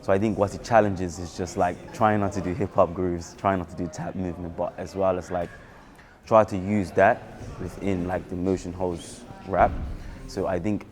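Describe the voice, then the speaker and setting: A young man with a very deep voice speaks casually in a documentary interview. His talk is loose and relaxed, with a lot of "like" as a filler. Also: normal speed. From Bermuda. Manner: casual, lots of "like". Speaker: dancer.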